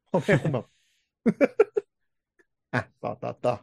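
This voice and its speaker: A man's voice: medium pitch, wildly swooping pitch, very slow, gravelly, darkish tone, breathy edge, no room sound, clean studio sound. A man who is a doctor, joking in a casual chat and using crude slang.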